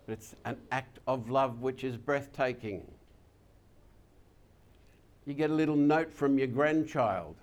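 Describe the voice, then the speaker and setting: An older man, a pastor, giving a gentle and plain-spoken communion sermon, often dropping to a soft, intimate tone. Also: mid-range voice. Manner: slow, gentle, intimate preaching with soft drops.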